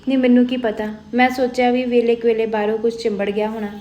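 A woman voicing a stubborn older village aunt who is in pain, speaking in a strained, husky voice. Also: a little high, level tone, quick pace, dark tone, muffled recording, close to an everyday voice. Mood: defensive.

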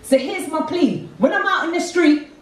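A woman brings lively intonation and a very high-pitched voice to a rhythmic, street-inflected spoken word performance, keeping a moderate pace. She holds a handheld mic on a theatre stage draped in red curtains. The far camera records her from a distance in a very echoey hall.

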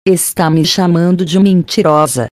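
A woman narrator puts on a haughty, hot-tempered young mistress from an audiobook, scornful and snapping. Her voice sits low and mellow, recorded close and dry. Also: moderate pace, no echo, lightly acted.

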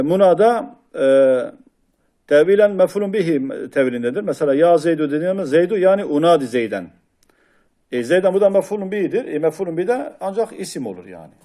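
A man's voice: on the high side, mellow. A man teaching a lesson on a classical grammar text, reading passages aloud and explaining them with frequent hesitations. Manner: reads Arabic passages then explains them in Turkish, with frequent hesitation sounds.

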